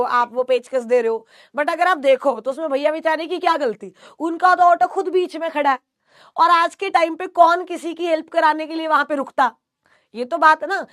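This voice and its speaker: A woman's voice: high voice, no echo, clean studio sound. A woman teacher chatting playfully and affectionately with her students, telling a story and mixing in English phrases. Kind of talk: casual chat and storytelling before class.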